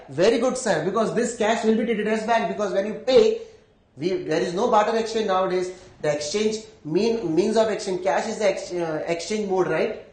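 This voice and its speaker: High-voiced Indian man lecturing in echoey room. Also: a little mellow. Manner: repeats phrases and checks understanding with questions. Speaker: accounting lecturer. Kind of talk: live lecture, explaining step by step.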